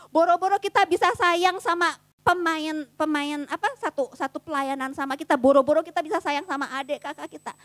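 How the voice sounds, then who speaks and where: Young woman preacher, high voice, dry close sound, casual fervent sermon. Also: no echo. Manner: casual slangy preaching, swings between soft and fervent. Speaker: youth preacher. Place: church youth service.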